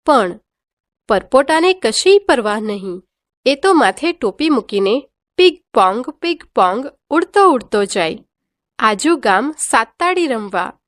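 A woman reads a children's storybook aloud in a lively, sing-song manner. Her voice sits fairly high. The recording is close and dry, with almost no room sound. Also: no room sound. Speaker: teacher reading a textbook story. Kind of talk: expressive storybook reading for children.

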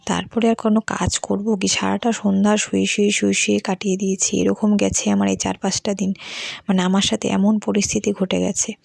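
A woman vlogger speaking softly in a hushed late-night voice-over, chatty and unwell with little energy. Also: medium pitch, creaky, dry recording, clean studio sound. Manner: talks softly, chatty with fillers.

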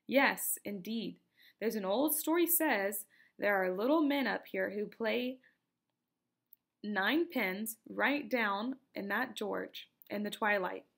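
A woman reading aloud, voicing a bossy, chatty little old woman who scolds briskly. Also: mid-range voice, gravelly, fairly bright tone, exaggerated voice.

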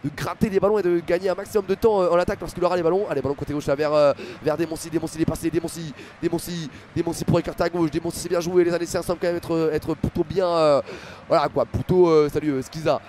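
A young man with a French accent calls a football match live for his stream, talking fast in a high voice. He is excitable and fills his talk with hesitations as he chats with his viewers. A faint hum sits behind his voice. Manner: excitable, many fillers, talks to chat viewers.

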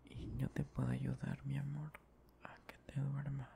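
A man's voice: mid-range voice, completely flat delivery, creaky, mellow, slight background noise. A young man playing an affectionate boyfriend in an ASMR whispered role-play, murmuring tenderly and breathily to soothe his partner to sleep. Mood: caring, reassuring. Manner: slow, tender, repetitive murmuring. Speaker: ASMR performer.

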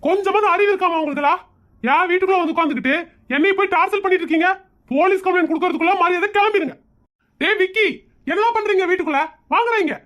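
A woman's voice: very high voice, racing. A woman voicing a short-tempered young man in a cartoon comedy, scolding his nosy neighbours. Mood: angry. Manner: scolding, shouting.

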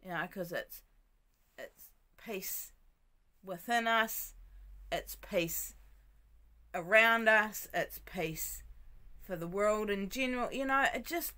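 Woman, devotional vlogger, bright unhurried voice, soft trailing delivery. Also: mid-range voice. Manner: gentle, often drops to a soft near-whisper; many fillers and restarts, reflective. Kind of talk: casual devotional talk.

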